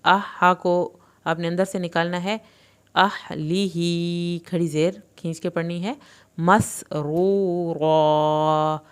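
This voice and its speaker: A woman with an Urdu accent teaching tajweed, alternating clear explanations with slow, drawn-out recitation. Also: lowish voice, flat delivery.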